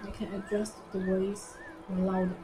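A woman's voice: medium pitch, completely flat delivery, heavy background noise. Young woman demonstrating products, roomy echo. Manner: simple halting non-native English, repeats phrases. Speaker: product presenter. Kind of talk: informal live product demonstration. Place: indoor product showroom. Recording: roomy echo with music behind. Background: music.

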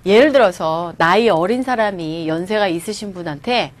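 A woman teaching English through movie lines. She explains each phrase, repeats it slowly and acts out the lines. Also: fairly low pitch, slight background noise.

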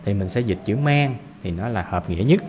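A man's voice: fairly low pitch, animated, darkish tone, in a large hall, a little hiss or hum. Vietnamese man teaching an English reading lesson. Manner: explains slowly, drills pronunciation, repeats words.

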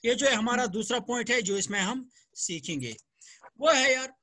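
A man's voice: very high voice, animated, moderate pace, bright, forceful tone. A man from Jammu and Kashmir, India, teaching an Arabic grammar lesson over a video call. He drills words with his students, repeats each one patiently and praises them often.

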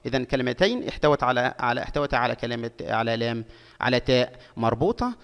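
A male primary school teacher giving a reading lesson, sounding out words syllable by syllable and stretching each one slowly for young pupils. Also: mid-range voice, animated, a bit bright. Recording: long hall reverb.

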